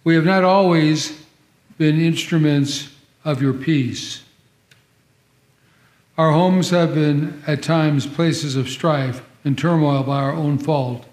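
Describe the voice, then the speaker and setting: A man serving as pastor, leading the liturgy in a measured, solemn recitation, with a cathedral echo around his voice. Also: a little high, steady tone, darkish tone. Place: large church sanctuary. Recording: echoey church sanctuary.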